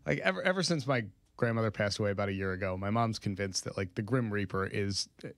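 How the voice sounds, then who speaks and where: A man's voice: fairly low pitch, fast talker, creaky, a bit bright, no room sound, clean studio sound. A man co-hosting a casual morning radio show, telling a family story and laughing as he goes.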